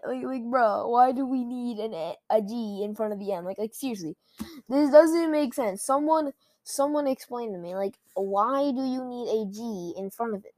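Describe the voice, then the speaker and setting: A woman vlogger in a casual comedic rant, rambling with lots of "like" and restarts. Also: on the high side. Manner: rambling, heavy use of "like" and restarts.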